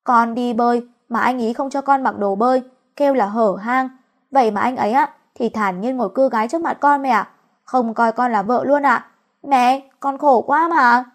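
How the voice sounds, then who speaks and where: Woman voicing a young wife, jealous, sulky, whiny, high-ish voice. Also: fairly quick, natural voice.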